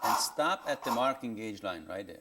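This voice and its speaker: A man's voice: lowish voice, expressive, normal speed, very noisy. A man patiently demonstrating woodworking step by step, speaking plain English with non-native phrasing, heard from a worn videotape copy. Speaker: woodworking instructor.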